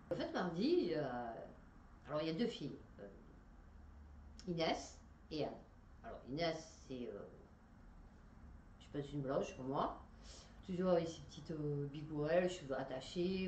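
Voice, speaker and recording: With a low, slightly mellow voice, a woman tells a personal story casually, rambling and chatty with lots of fillers. The recording has a roomy echo and faint background noise.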